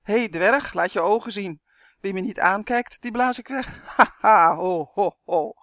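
A reader voicing a mocking giant with a low, rumbling voice and laugh, in a storybook reading. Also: female voice, a little slow, fairly bright tone, dry recording, studio quality, lightly acted.

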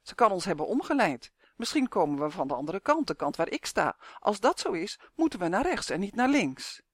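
Skeptical gruff gnome guide read by a man, high-pitched, dry close sound. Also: sing-song, brisk, a bit bright, no room sound, exaggerated voice. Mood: doubtful. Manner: questioning, growling.

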